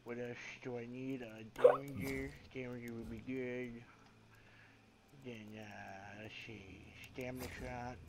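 A man chatting while gaming, thinking aloud with drawn-out fillers as he picks his gear. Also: mid-range voice, flat delivery, heavy background noise. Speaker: gamer. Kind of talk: casual chat while playing.

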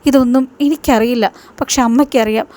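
A woman's voice: on the high side, fairly even intonation, fairly quick, mellow, lightly acted. A woman reading the lines of a tearful, pleading young wife in a plain retelling voice. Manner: earnest, plain retelling of her words.

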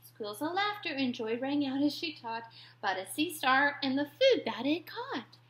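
High-voiced woman reading a rhyming story. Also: moderate pace. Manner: expressive, drops to whispers for suspense. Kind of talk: rhyming storybook read-aloud.

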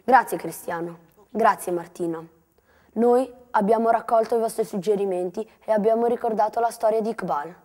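A woman's voice: medium pitch, normal speed, darkish tone, big-room sound. A teenage schoolgirl anchor thanking reporters and handing over segments.

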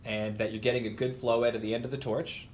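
Relaxed man explaining welding faults. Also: medium pitch, quick pace, slight background noise. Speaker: welding instructor. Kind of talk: instructional demonstration. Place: welding workshop.

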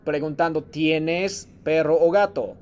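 A man leads a Japanese class with a patient, encouraging manner. His voice sits a little high. He calls on students one by one and mixes Japanese phrases into his explanations. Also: steady tone, takes it slowly, a little mellow, clear, resonant tone. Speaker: Japanese teacher. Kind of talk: online class lesson.

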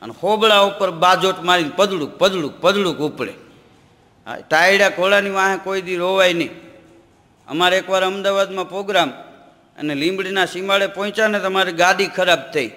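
Bright high-voiced comedian on stage. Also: male voice, a little fast. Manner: jokey anecdotes with quoted dialogue and recited verse. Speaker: folk comedian and storyteller. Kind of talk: stage comic storytelling to a live audience. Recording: live stage recording with long hall reverb. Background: audience laughter.

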